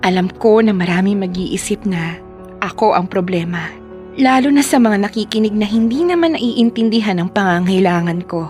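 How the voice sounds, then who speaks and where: A woman's voice: medium pitch, moderate pace, darkish tone, soft background music, close to an everyday voice. An actress playing a frustrated young girlfriend in a radio drama, narrating her story in an earnest way. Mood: reflective. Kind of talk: radio drama acting and first-person narration.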